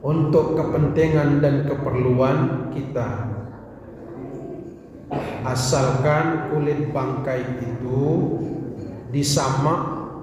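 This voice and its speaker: A man with an Indonesian accent teaching an evening religious study lesson in a mosque, slow and measured, reciting Arabic text and explaining it. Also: mid-range voice, fairly even intonation, noisy background. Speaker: Islamic teacher. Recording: echoey mosque hall, distant mic.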